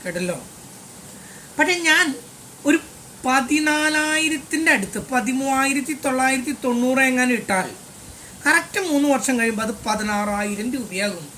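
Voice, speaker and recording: A man's voice: very high-pitched, normal speed, sharp tone, slight background noise. An older man, a maths teacher, giving a lesson as a chatty, digressive personal story and slipping in English phrases.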